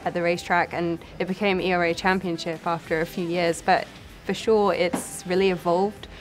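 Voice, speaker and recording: A young woman, a championship co-founder, speaking earnestly in a documentary interview with a few quick restarts. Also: fairly low pitch, flat delivery. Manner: earnest, fluent, with brief restarts. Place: dark studio set. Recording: music bed under voice. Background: music bed.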